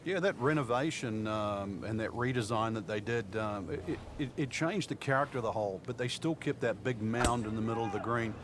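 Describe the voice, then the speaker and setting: A man's voice: mid-range voice, a little fast, hardly any pauses, close to an everyday voice. A man giving conversational, explanatory golf commentary as the analyst alongside an announcer. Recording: loud outdoor background noise.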